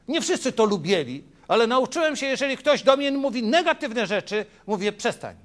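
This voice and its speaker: A man's voice: high voice, fairly bright tone. A middle-aged man preaching a sermon as a pastor, emphatic and often turning to the congregation with short questions. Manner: emphatic, asks the congregation "tak?" and "wiecie?".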